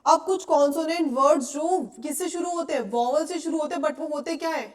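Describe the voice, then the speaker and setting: High-voiced Indian woman teaching English. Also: fairly quick. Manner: explains patiently, asks checking questions often. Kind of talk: classroom lecture.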